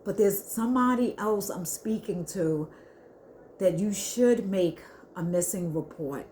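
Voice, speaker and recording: Slow, earnest woman doing a spiritual reading. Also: mid-range voice, animated, dark tone, slight background noise. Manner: slow, halting, earnest, many restarts. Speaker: spiritual reader. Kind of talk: intuitive spiritual reading to camera.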